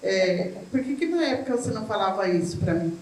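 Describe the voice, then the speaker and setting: This middle-aged woman from Brazil speaks fairly quickly in a medium-pitched, sing-song, slightly mellow voice. As a guest in a casual chat, she recounts her own story, sprinkling in many tag questions, picked up from a distance in an echoey room with faint noise.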